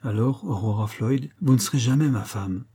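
A man reading an audiobook, voicing an honorable army captain who speaks gravely and insistently to his fiancée. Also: mid-range voice, moderate pace, mellow. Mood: stern.

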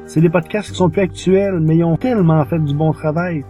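A man with a Quebec French accent gives an enthusiastic, informal podcast review from his notes, with music behind his voice. He speaks briskly in a fairly high, warm voice with fairly even intonation.

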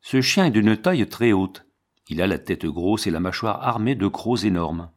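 A man narrating a classic children's novel as an audiobook, in a steady, measured storytelling manner. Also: on the low side.

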